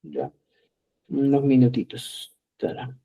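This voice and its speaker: Male teacher, live online lesson, lively, acts out dialogues, middle-aged, checks in often with viewers. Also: slow pace, gravelly. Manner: lively, acts out both sides of sample dialogues in a higher voice; addresses viewers as dear friends, many checking "¿ya?". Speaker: Quechua language teacher.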